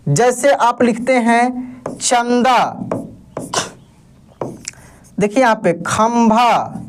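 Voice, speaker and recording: A man's voice: very high voice, extremely slow, slight background noise. A man teaching an online lesson, patiently asking questions and answering them himself while reassuring learners. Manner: reassuring, tells learners not to worry. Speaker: Hindi teacher.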